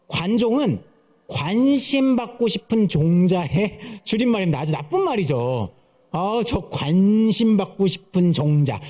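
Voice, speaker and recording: Standing in the church sanctuary, this man in his thirties delivers a sermon as pastor, mixing in stories and playful voice mimicry. His voice sits high yet has a dark tone.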